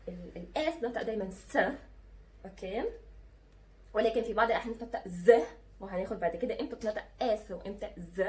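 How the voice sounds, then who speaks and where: Patient woman teacher spelling slowly. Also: on the high side, recorded from a distance. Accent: Egyptian. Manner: patient, spells out letters slowly and repeats sounds. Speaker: French teacher. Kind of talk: teaching lesson.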